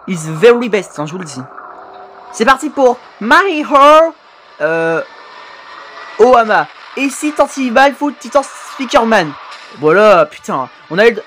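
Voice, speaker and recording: A man hosting a casual video reaction, excitable, often swearing and exclaiming at the screen, with frequent hesitant fillers and self-corrections. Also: very high voice, slight background noise. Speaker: YouTube reaction host.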